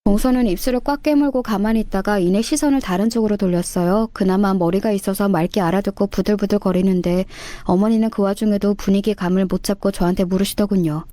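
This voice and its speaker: A woman narrating a dramatic family story in first person, lively and acting out her own retorts. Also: medium pitch, quick pace, few pauses, no echo.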